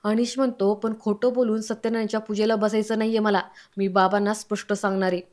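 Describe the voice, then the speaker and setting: Woman narrating a serial recap, flat delivery. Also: medium pitch, fast. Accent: Marathi. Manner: reads all characters' lines herself, quoting them in a mostly even tone.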